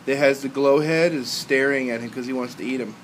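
A male voice excitedly narrating a toy dinosaur battle outdoors, recorded on a noisy home video. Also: medium pitch, brisk. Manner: excited, dramatic storytelling with mock roars. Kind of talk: playful play-by-play narration.

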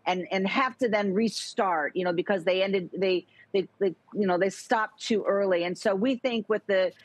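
Appearing over a remote video link from a home room with a plant, a middle-aged woman economist is a guest in a live TV interview. She talks fast, often restarting and repeating words, in a medium-pitched voice captured in a dry recording.

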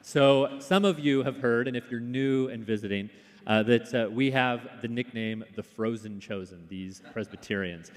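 A man preaching a sermon as pastor, telling stories in a relaxed way with frequent fillers and restarts. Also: medium pitch, normal speed. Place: church sanctuary. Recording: long hall reverb in a church.

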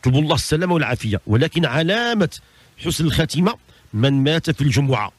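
A man's voice: fairly high pitch, very animated, racing, slightly rough, dry recording. A man with a Moroccan Arabic accent, a religious scholar giving an emphatic lesson full of rhetorical questions.

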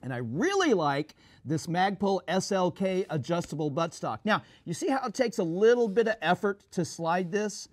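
A man's voice: sits high, expressive, moderate pace, few pauses. A middle-aged man presenting a product review to camera as a show host, in an emphatic, instructional manner, addressing viewers directly. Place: small studio set, indoors at a table.

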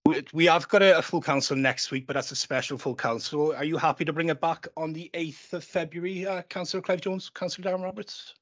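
Guy chairing a council meeting, slightly high voice, reading agenda items into a desk mic in a big chamber. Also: steady tone, a little fast, few pauses, a bit bright. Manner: reads agenda items and calls on speakers.

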